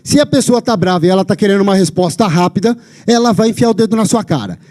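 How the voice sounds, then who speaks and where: A man with a Brazilian Portuguese accent lectures on a lapel mic, his fairly high, mellow voice swinging widely in pitch. He talks with emphasis and keeps checking in with his listeners. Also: animated, fast talker. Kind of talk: live talk to an audience. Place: lecture venue.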